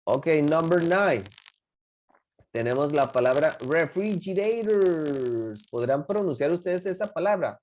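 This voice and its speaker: Lively, mellow-voiced teacher. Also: medium pitch. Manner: drills words slowly and quizzes the class with questions. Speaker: English teacher. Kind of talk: classroom instruction in Spanish and English.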